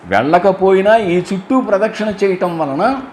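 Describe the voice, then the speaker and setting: A man's voice: sits high, lively intonation, darkish tone, a little hiss or hum. A man giving a religious storytelling discourse, explaining verses line by line and asking his listeners rhetorical questions. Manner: chants verses in slow drawn-out melody.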